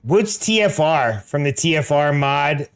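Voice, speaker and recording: A man's voice: a little high, expressive, unhurried, clear, resonant tone. A middle-aged American man chatting casually while gaming, slangy and peppering his talk with dude and like. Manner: slangy, says dude and like often. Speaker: game streamer.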